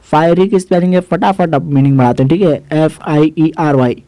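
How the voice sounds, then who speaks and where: A man's voice: fairly high pitch, moderate pace, warm tone, no echo, rough recording. A young man teaching English word meanings, spelling each word out letter by letter and repeating the meanings. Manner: addresses viewers as "guys". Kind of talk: vocabulary lesson.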